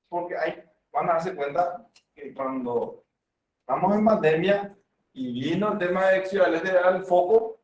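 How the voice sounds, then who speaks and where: His voice is a little high and a little mellow as he gives a medical lecture at a university in Paraguayan Spanish. Examples and acted patient dialogues fill out his explanations. The distant mic leaves the sound roomy.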